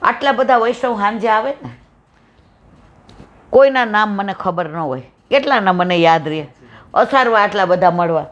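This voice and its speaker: A woman's voice: medium pitch, moderate pace, long pauses. A woman from Saurashtra with a Saurashtra Gujarati accent, giving a devotional satsang talk at home and acting out the dialogue of her stories with affection. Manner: animated storyteller, acts out dialogue, affectionate devotional tone. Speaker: satsang speaker. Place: home room with visiting devotees. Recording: dull lo-fi recording.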